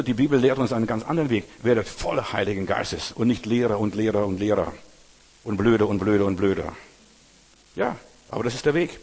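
Emphatic preacher in a reverberant hall. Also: male voice, medium pitch, a little mellow, breathy edge. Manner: emphatic, repeats phrases for stress; addresses listeners directly. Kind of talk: sermon.

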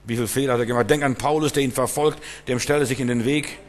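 A man's voice: medium pitch, steady tone, quick pace, big-room sound. A man preaching a sermon, retelling a story with many fillers and repeated words.

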